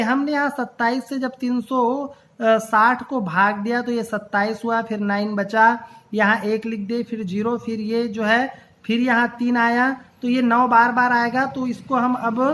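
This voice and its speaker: A woman with a somewhat high voice gives a patient astrology lesson. She works through each point step by step, often pausing in hesitation mid-sentence. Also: fairly even intonation, fairly bright tone, slight background noise. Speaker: astrology teacher. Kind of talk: explanatory lecture on astrology basics.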